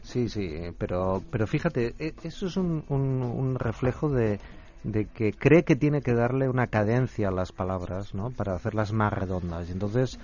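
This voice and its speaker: A man's voice: on the low side, normal speed, a little mellow, dull audio. A man speaking as a guest expert in a radio discussion, thoughtful and hesitant.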